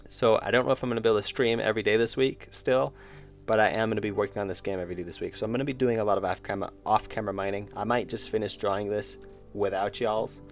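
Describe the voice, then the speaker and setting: Soft music plays behind a man whose voice sits on the low side, steady in tone and quick in pace. He's a streamer and indie game developer rambling casually while drawing live, chuckling and restarting, his voice gradually failing.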